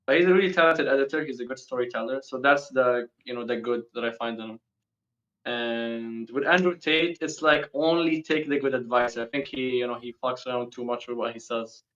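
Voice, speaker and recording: A young man born and raised in the UAE, Palestinian, speaking casually as a guest over a video call, slangy and quick in bursts. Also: mid-range voice, a bit bright, lo-fi sound.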